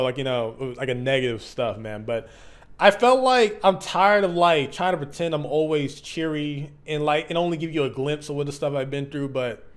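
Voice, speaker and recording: A man in his mid twenties talking candidly and off the cuff as a video creator, earnest and reflective, halting and conversational with slang. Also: a little high, clear, resonant tone. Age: mid 20s. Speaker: YouTube content creator. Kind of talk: candid, unscripted personal vlog.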